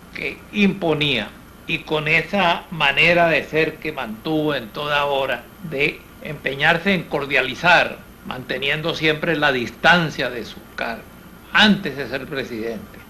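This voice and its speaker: A man gives formal, eloquent testimony as a documentary interviewee. His voice is forceful and fairly high, his phrasing slow and halting, over faint background noise. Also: low-quality recording. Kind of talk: reflective spoken testimony.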